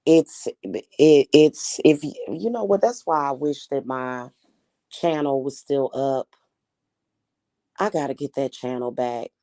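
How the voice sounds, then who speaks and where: A mellow-voiced woman in her 40s from Kansas City, Missouri, with a Kansas City Midwestern accent, hosts a livestream and reads the chat. Her voice is very deep and slow on a dry recording, and the casual chat is rambling, slangy and frank as she answers viewers directly.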